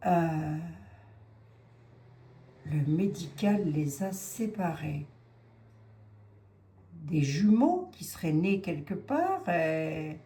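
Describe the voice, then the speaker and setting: Slow, mellow-voiced woman reading cards. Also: on the low side. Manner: musing aloud, hesitant, repeats herself. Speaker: psychic card reader. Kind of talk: casual live card reading. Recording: echoey room with faint ambient noise.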